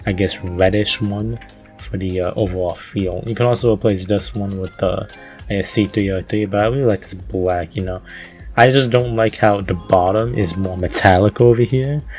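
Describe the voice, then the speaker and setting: Low-voiced laid-back gaming vlogger. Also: male voice, a little mellow. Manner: laid-back, loose, with frequent fillers and the odd swear. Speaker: gaming video creator. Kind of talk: casual voice-over walkthrough.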